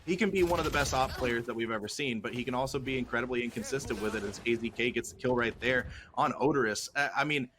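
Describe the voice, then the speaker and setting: A man's voice: medium pitch, fast, hardly any pauses, fairly bright tone, slight background noise. A man doing esports color commentary as an analyst, repeating phrases emphatically to make his points.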